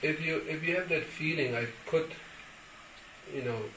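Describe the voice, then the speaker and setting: An older man, a spiritual teacher, answers questions in short phrases, pausing for an interpreter. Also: a little high. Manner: measured, pauses for translation. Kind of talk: sermon Q&A with interpreter. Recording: echoey hall, distant mic, background noise.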